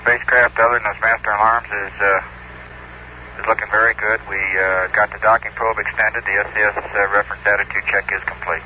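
A man speaking as an astronaut in orbit, giving brisk, matter-of-fact reports over a crackly air-to-ground space radio link. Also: fairly low pitch, flat delivery. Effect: crackly space radio transmission. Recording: muffled, noisy archival space radio.

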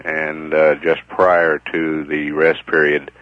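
A man with a very low voice gives mission updates in a measured, halting way. His voice arrives through a narrow, tinny radio channel that sounds like a communicator. The archival feed has a thin, phone-like sound. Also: level tone, no echo. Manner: measured, halting with frequent "uh" pauses. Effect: narrowband radio transmission sound, like a communicator. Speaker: mission control commentator. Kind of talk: live mission status commentary.

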